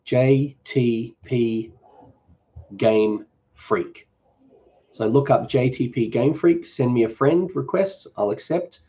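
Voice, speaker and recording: A middle-aged Australian man runs a cooking channel and, during a live stream, reads out viewer questions and answers them in a relaxed, joking, meandering way. His voice sits in the mid range, he speaks slowly, and the sound quality is lo-fi.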